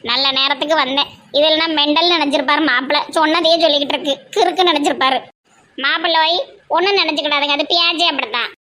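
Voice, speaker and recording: A shrill, very high and bright voice of a quarrelsome village mother, as a woman acts her out with a Tirunelveli Tamil accent. She scolds and mocks in quick bursts, the way a comic village skit does. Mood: fussing. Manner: scolding, fast, mocking. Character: sharp-tongued quarrelsome village mother and aunt.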